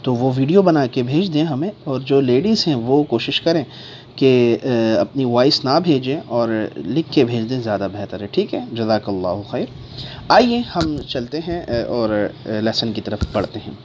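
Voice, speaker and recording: A man giving an online Qur'an reading lesson who keeps checking in with his listeners and draws out letter sounds slowly. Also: mid-range voice, expressive, a little mellow, slight background noise.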